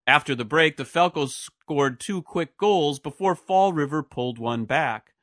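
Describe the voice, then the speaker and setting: A man's voice: a little high, animated, a little slow, a bit bright, no echo, clean studio sound. A man reading a scripted history narration as a podcast host. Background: music.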